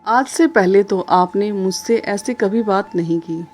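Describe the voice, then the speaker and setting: A woman's voice: mid-range voice, a little slow, darkish tone, natural voice. A woman voicing a busy young daughter-in-law in a storybook who talks in an anxious, pleading way.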